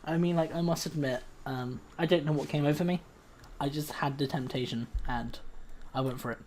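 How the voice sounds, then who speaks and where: A man's voice: fairly high pitch, fairly quick, darkish tone, a little hiss or hum. A man co-hosting a casual podcast, talking in a hesitant way with lots of ums and restarts. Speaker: podcast co-host.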